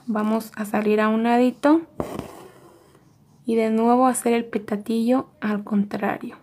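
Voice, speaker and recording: Woman, embroidery tutorial, calm and methodical, repeats each step, slightly high voice. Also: measured pace. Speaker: embroidery teacher.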